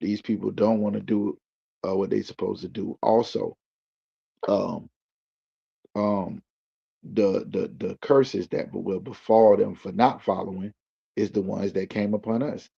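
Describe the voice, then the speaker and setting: A man's voice: on the low side, steady tone, measured pace, gravelly, warm tone, husky. A man speaking as a guest in loose slang, building his points like a preacher. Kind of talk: casual explaining. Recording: dull lo-fi recording.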